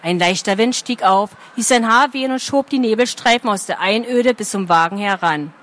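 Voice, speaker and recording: A woman reading a fantasy story aloud at a steady, expressive pace. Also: medium pitch, moderate pace. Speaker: narrator.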